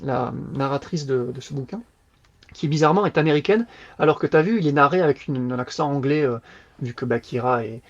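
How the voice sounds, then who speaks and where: A man co-hosting a podcast, chatting casually as he reviews a novel in an animated, slangy, loose way. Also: medium pitch, a little fast, lo-fi sound. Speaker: podcast co-host. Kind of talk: casual book review chat.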